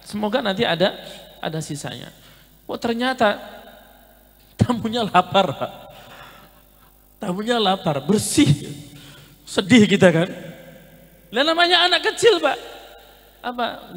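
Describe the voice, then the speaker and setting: A man's voice: sits high, fairly bright tone, long reverb tail. A male Islamic preacher, giving a conversational sermon and telling stories while addressing the men listening.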